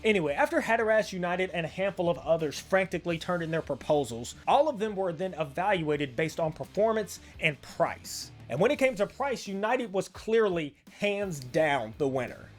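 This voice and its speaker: A man's voice: sits high, animated, moderate pace, hardly any pauses. A man delivering scripted comedic narration in a wry, folksy, joking manner. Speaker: narrator of a comedic military history video. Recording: faint music behind the voice.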